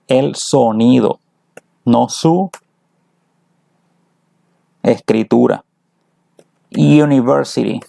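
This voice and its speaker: Slow, gravelly teacher. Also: male voice, mid-range voice, warm tone, dry recording. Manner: switches between English and Spanish, explaining patiently. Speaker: English teacher. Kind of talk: bilingual grammar lesson.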